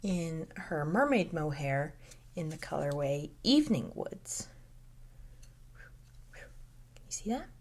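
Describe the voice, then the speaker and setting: A young woman hosting a casual knitting podcast from home, speaking softly and often dropping to a near-whisper. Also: low-pitched, sing-song, slow pace, pauses often. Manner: soft-spoken, drifting into near-whispers.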